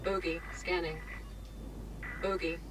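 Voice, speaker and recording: A woman voicing a female ship computer that calls out combat alerts in a clipped, flat robotic way. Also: on the low side, takes it slowly. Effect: synthetic ship-computer voice. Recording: distant game audio under loud gunfire. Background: gunfire and engine noise.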